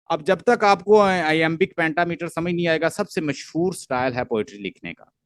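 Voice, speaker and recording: A man's voice: medium pitch, no room sound, clean studio sound. A man with a Pakistani accent giving an online literature lecture, explaining step by step, repeating points and mixing English terms into his speech. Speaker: literature teacher.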